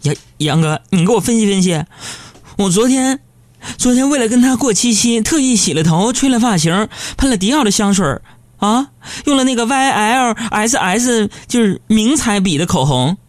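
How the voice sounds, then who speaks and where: A man's voice: sits high, lively intonation, normal speed, no room sound, soft background music. A man voicing an exasperated young woman coworker who rattles off a long complaint. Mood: indignant.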